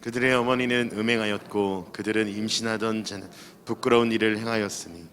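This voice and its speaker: A man reading scripture aloud slowly and solemnly during a sermon. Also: lowish voice, steady tone, fairly bright tone. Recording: reverberant hall, off-mic.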